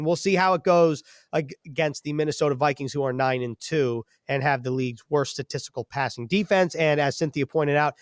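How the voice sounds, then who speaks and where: A man with a fairly high voice hosts a sports podcast in an easygoing, friendly way. The recording is close and dry with no room sound. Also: no room sound. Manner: friendly, easygoing, laughs often. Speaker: podcast host. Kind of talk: casual sports podcast chat.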